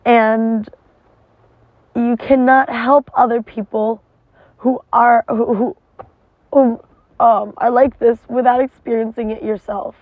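A woman gives a casual, emotional confessional from inside a parked car. She rambles slowly and swears often, with little rise and fall in her voice. The sound is thin and phone-like. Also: on the high side, level tone, dry recording. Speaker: vlogger.

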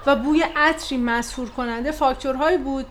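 A woman narrating a comedy audio drama in a lively, expressive storytelling manner. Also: high-pitched, slight background noise. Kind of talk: scripted comic narration.

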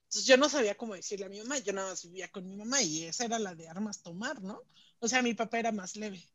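A woman's voice: mid-range voice, fast. A woman with a Mexican Spanish accent, telling stories in casual slangy chat. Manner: animated storytelling with slang.

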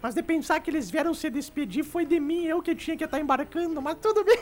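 A woman playing a sharp-tongued old lady, telling jokes and teasing her co-hosts on a radio comedy show. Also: sits high, background noise. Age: older. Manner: teasing, bossy storytelling. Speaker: comic radio show regular.

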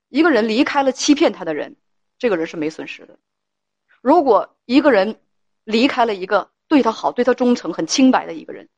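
A woman's voice: medium pitch, darkish tone, no echo, dull audio. A woman advice host scolds her caller with one pointed question after another. Her voice sits mid-range and the recording is close and dry, with no room sound around her. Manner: scolding, emphatic, lecturing with rhetorical questions. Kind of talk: call-in advice talk.

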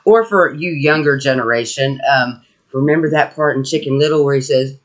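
A woman's voice: a bass voice, brisk. A woman co-hosting a casual spiritual podcast chat, giggly and casually profane. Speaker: podcast co-host.

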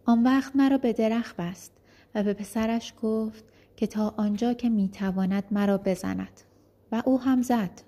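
A woman's voice: on the high side, steady tone, warm tone, lightly acted. A woman voicing a bitter, defiant young enslaved man who protests angrily.

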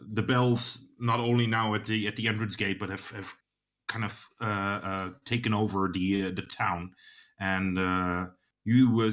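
A man running a tabletop game, narrating the scene in a fairly low voice. He talks in a halting way, pausing and restarting his sentences as he goes. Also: a bit bright. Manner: halting, many fillers and restarts. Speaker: game master.

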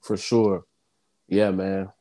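A man, chatting casually and halting often with fillers like "you know what I'm saying.". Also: deep voice, flat delivery, warm tone. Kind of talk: casual conversation.

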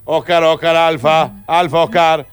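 A man's voice: on the high side, steady tone, measured pace, soft background music. A man with an Argentine accent co-hosting a radio show, joking around and reading a sponsor plug. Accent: Argentine Spanish. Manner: joking, protesting, reads ads. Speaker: radio co-host. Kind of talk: playful radio banter.

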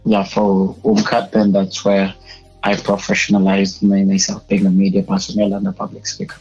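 A man's voice: low voice, monotone, normal speed, a little mellow, husky, highs cut off, soft background music. A young Ugandan man with a Ugandan English accent, a media personality and public speaker, answering interview questions in a hesitant way with many filler sounds. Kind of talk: casual interview.

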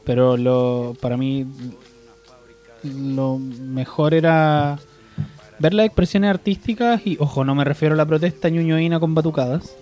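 Chilean male co-host, relaxed and reflective, pitched a little high. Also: measured pace. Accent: Chilean Spanish. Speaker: podcast co-host. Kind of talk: casual chat. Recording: faint music behind.

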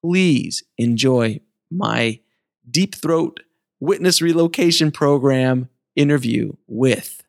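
A man's voice: medium pitch, slow, gravelly, no room sound. A man speaks as a podcast host in a casual, conversational style. He is effusive and leans on his words for emphasis. The sound is dry, with no room around him.

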